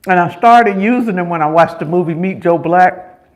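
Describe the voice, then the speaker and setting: Higher-voiced American man chatting while eating. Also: moderate pace, dull audio. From Chicago, United States. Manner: talking while eating, chewing between phrases; folksy, emphatic repetition. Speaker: host of an eating show. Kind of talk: casual mukbang chat.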